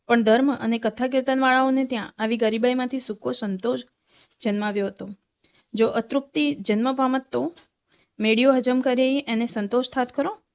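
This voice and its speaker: A woman storyteller reading a short story aloud and voicing each character's lines. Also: on the high side.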